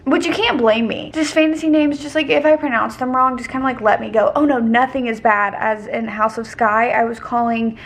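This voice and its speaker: A woman's voice: a little high, fairly even intonation, a little fast, hardly any pauses. A young woman vlogging casually about her reading, chatty and gushing, tripping over fantasy names. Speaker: book vlogger. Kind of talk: casual chat.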